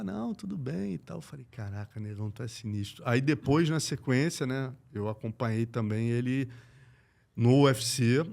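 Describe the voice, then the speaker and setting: A man from Brazil, an MMA journalist, telling stories in a lively, slangy way on a casual podcast. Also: mid-range voice. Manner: animated, slangy, acts out quoted voices.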